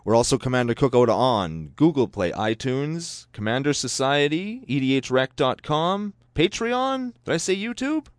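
Lively, joking male podcast co-host. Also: moderate pace, few pauses, no echo, clean studio sound. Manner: playful, jokey, bursts into high exclaims. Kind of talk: casual podcast banter.

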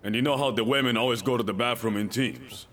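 A man's voice: medium pitch, quick pace, fairly bright tone, a little hiss or hum. A male pastor preaching a sermon, emphatic and repeating his key lines, with joking asides to the congregation.

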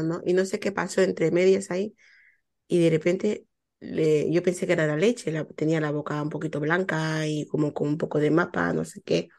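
A woman telling a personal story in casual chat, animated and full of repetitions and asides. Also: lowish voice, creaky. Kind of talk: casual chat about motherhood.

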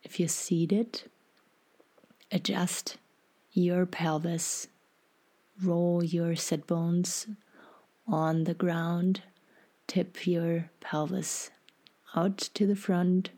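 Female meditation guide: soft spa-like half-whisper, low pitch, very slow, soothing delivery. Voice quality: soft, husky, breathy, often slipping into whisper. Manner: calm, unhurried, soothing instruction. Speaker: podcast host and meditation guide.

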